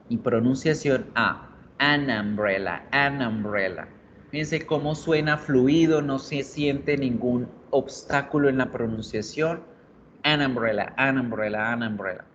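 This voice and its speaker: A man teaching English in Spanish, patiently repeating example words for his class. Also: medium pitch. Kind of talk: online class explaining English grammar in Spanish. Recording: dull audio with faint noise.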